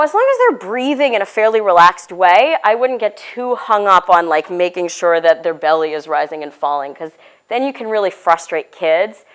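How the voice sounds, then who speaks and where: A woman with a fairly high voice and a stuffy nose, talking casually as a clinician. She teaches in a lecture room and counts the group through slow breaths in a demonstrative way. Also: fairly bright tone, clean tone. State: stuffy-nosed with a cough. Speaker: clinician presenter. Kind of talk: grand rounds teaching talk.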